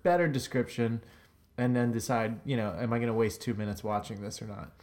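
A man co-hosting a casual podcast chat, explaining things in a relaxed, rambling way that trails off. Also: medium pitch, brisk. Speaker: podcast co-host.

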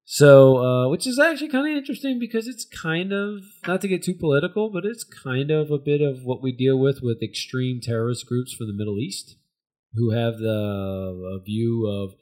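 A man's voice: mid-range voice, animated, normal speed, darkish tone. An American man hosting a casual discussion, recapping in a rambling, hesitant way as he searches for words. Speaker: podcast host.

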